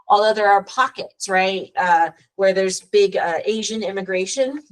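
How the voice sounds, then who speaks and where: A woman from Texas, with a Texan accent, appears as an immigration lawyer guest in an earnest, casual interview over a video call. Her medium-pitched voice moves at a measured pace with frequent fillers and restarts, and the recording quality is low.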